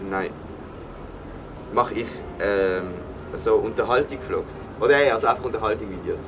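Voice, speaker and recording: A man's voice: on the low side, normal speed, music in the background. A man with a Swiss German accent hosting a casual guessing game in playful, teasing banter. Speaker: YouTuber host. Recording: noisy background with vehicle sounds.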